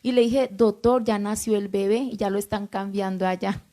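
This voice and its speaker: A woman's voice: mid-range voice, normal speed. A woman pastor from Colombia giving a church testimony, telling a story and acting out the dialogue. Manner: lively storytelling, acts out dialogue.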